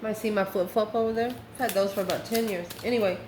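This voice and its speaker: Talking fast in a medium-pitched, fairly even voice, a tarot reader hosts her channel's reading in a chatty, informal style full of rambling tangents. Music plays in the background of the echoey room, where other background noise is clearly audible.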